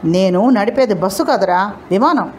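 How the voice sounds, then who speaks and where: A woman's voice: medium pitch, lively intonation, moderate pace, a little hiss or hum, natural voice. A woman voicing a reckless male bus driver who talks boastfully.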